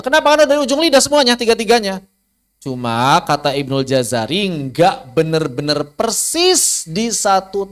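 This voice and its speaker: An ustaz with a fairly bright, slightly high voice teaches tajwid in an online Quran recitation lesson, asking rhetorical questions and sounding out letters aloud as demonstrations.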